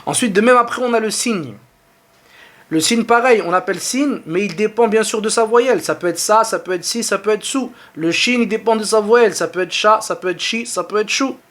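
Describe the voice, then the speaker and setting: A man with a French accent giving a patient online lesson on reading Arabic letters, sounding out each letter slowly and repeating it. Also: sits high, fairly bright tone.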